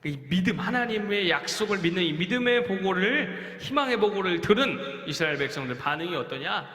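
A man preaching a children's sermon, telling a story with lively acted-out quotes and questions to the kids. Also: sits high, a little fast. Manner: animated, acts out quoted speech, asks children questions. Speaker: children's pastor. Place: church worship hall. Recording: echoey church hall.

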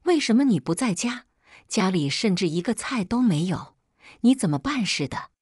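A woman's voice: mid-range voice, big pitch swings, normal speed, darkish tone, husky, dry recording, clean studio sound. A woman voicing an angry young man who scolds harshly over the phone.

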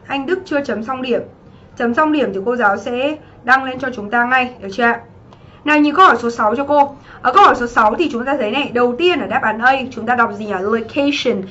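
High-voiced woman teaching a livestream class. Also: dull audio. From Vietnam. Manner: lively, keeps checking in with students. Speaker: English teacher. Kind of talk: livestream exam review lesson.

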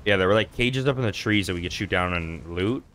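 A man giving casual let's-play commentary while gaming, expressive and freely cursing. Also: deep voice, a little fast. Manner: expressive, profane, excitable. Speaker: gaming streamer.

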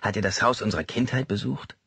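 A man's voice: fairly low pitch, quick pace, creaky, a bit bright, breathy edge, no echo, heavily acted. A man voicing the inner thoughts of a tense, brooding male killer.

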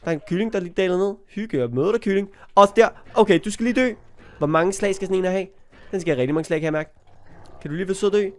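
A young man with a cold giving chatty let's play commentary on a block-building game, talking to the animals and yelping when startled. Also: sits high. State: has a cold. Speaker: gaming YouTuber.

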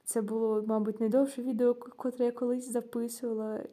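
A young woman with a Ukrainian accent tells a story to her vlog audience. Her voice is a touch high and mellow, and she is animated, acting out quoted dialogue and trailing into hesitations. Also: fairly quick. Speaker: vlogger. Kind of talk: casual storytelling.

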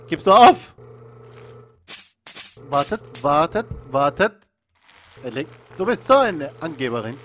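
A man giving jokey, excitable commentary while playing a video game, often shouting at it. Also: on the high side, a little hiss or hum. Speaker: let's play gamer. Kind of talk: casual gameplay commentary.

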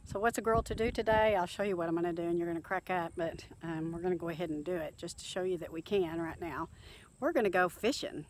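A woman's voice: fairly low pitch, fast, low-quality recording. A middle-aged woman, chatting casually to viewers in a vlog as she walks around her rural garden and yard, filming on a phone. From North Texas. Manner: chatty, folksy, talks straight to viewers while working outdoors. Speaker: gardening vlogger. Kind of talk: casual vlog walk-through. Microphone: phone camera held or close by. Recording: outdoor wind and yard noise.

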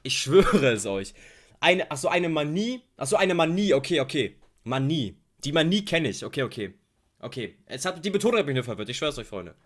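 Animated man reacting to a rap track. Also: fairly quick. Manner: animated, swinging between loud outbursts and low mutters, heavy slang. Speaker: YouTube reaction host.

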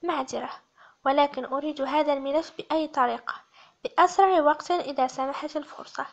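Terse male investigator played by a woman narrator, calm and curt, high voice, slightly muffled. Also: brisk, creaky.

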